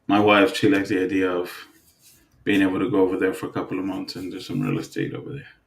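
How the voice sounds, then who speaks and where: A man from the Dominican Republic co-hosting a podcast, talking in a relaxed, halting way with many fillers and restarts. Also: low-pitched, gravelly, slight background noise. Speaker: podcast co-host. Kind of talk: casual chat.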